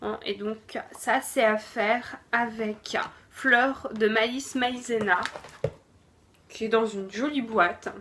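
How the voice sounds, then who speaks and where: Slow, hesitant woman unboxing. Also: on the high side, steady tone, noisy background. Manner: hesitant, lots of fillers and self-corrections. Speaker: unboxing vlogger. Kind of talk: casual product review.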